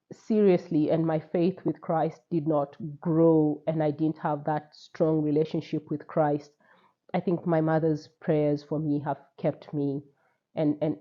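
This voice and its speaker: A Kenyan woman in her forties sharing a personal faith testimony, reflective and measured, with frequent pauses and repeated words. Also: low-pitched, lo-fi sound. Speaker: testimony speaker.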